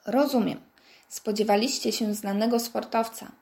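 A woman voicing a calm, friendly bearded man, an athlete in a wheelchair, in a storybook reading, speaking patiently and with good humour. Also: fairly high pitch, normal speed, gravelly.

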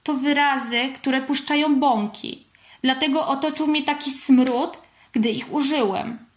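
A woman voicing an impulsive young boy in a storybook reading, high and eager. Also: fairly even intonation, a little slow, reverberant. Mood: earnest.

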